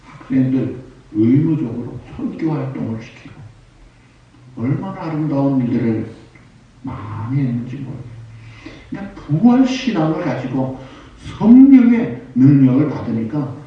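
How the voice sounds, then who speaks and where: A male pastor preaching with a lively, sweeping pitch that climbs high on his exclamations and drops low for asides. His voice sounds distant and muffled, soaked in the long, roomy echo of a large church sanctuary. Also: a little hiss or hum. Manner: emphatic preaching with rising exclamations and rhetorical questions. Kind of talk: sermon. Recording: roomy dull hall sound, voice from far off.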